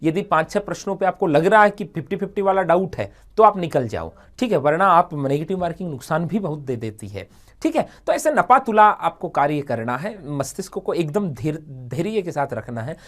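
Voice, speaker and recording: An animated male coach walks candidates through exam strategy in a livestream. His pitch rises and falls a lot as he drills steps again and again. He keeps checking in with his listeners. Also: brisk. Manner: animated, repetitive, frequent "thik hai" checks. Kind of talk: motivational exam advice talk. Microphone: livestream setup.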